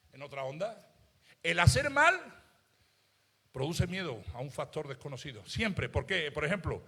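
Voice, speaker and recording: A pastor delivers a passionate sermon in a high, bright voice. His pitch leaps and falls widely as he swings between loud exclamations and hushed, confiding asides. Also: breathy edge. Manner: acts out worried voices of doubters.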